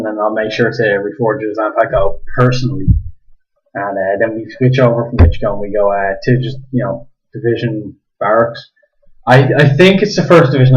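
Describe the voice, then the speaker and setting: A young man with an Irish accent, slightly drunk, rambling casually through a review, swearing and correcting himself while keeping his voice down in a kitchen. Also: on the low side. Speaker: manga reviewer. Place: home kitchen at night. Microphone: webcam microphone. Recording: dull lo-fi webcam audio.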